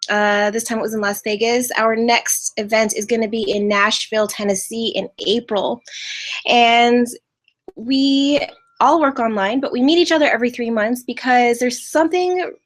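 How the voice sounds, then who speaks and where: A woman in her thirties from California hosts a live online training from a family home, her fairly high voice moving at a normal pace. She's an online business host, and her upbeat, chatty livestream talk is full of fillers and restarts.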